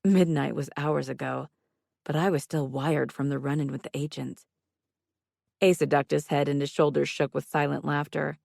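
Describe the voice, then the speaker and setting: A woman narrating a first-person audiobook with measured, intimate storytelling. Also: deep voice, fairly even intonation, gravelly, darkish tone, no echo, clean studio sound.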